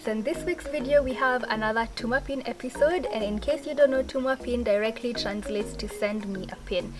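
A woman's voice: fairly high pitch, brisk. A young woman, hosting a casual travel vlog and touring a treehouse rental, chatty and bubbly, laughing often. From Kenya. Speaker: vlogger, channel host. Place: treehouse holiday rental, partly outdoors.

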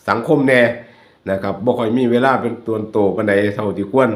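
Chatty Isan-accented man in a roomy echo. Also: lowish voice. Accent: Northeastern Thai (Isan). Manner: chatty, joking, addresses viewers as brothers and sisters. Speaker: YouTube channel host. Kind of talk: casual commentary over photos.

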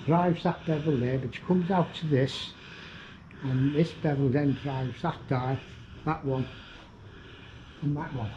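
A man's voice: on the high side, slow pace, long pauses, warm tone, a little hiss or hum. Older Northern English man, plain expert guide in a stone tower, muffled camera audio, faint room ambience. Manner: plain, matter-of-fact explaining, sounds out chimes. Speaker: church clock expert guide. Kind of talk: explaining on a walking tour. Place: inside a stone church tower. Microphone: handheld camera mic, moving.

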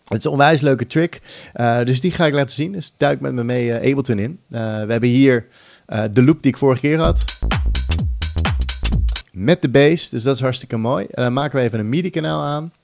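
Close to a large condenser mic on a boom arm, a middle-aged music production tutor records a casual screen tutorial in a small room at home, slipping in English phrases. His medium-pitched voice is brisk, creaky and a little mellow, with music loops in the background.

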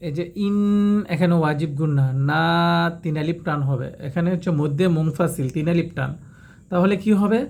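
A man teaching recitation step by step, explaining quickly and then reciting each verse slowly in a drawn-out, melodic way. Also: fairly high pitch, darkish tone. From Bangladesh.

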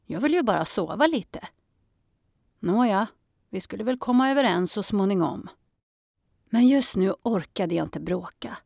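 Woman, calm storybook narrator, dry close sound, middle pitch. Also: vocal fry, long pauses, no echo. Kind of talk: children's audiobook narration.

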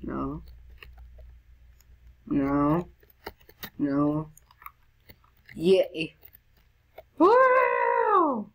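A woman giving chatty let's play commentary while gaming, now and then breaking into high excited squeals. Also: takes it slowly, pauses often, dull audio. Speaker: gamer.

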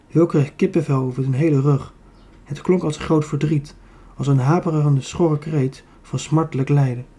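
A man's voice: a little high, mellow, slightly rough. A man with a Dutch accent reading a children's book aloud, with small slips he corrects as he goes. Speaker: audiobook reader.

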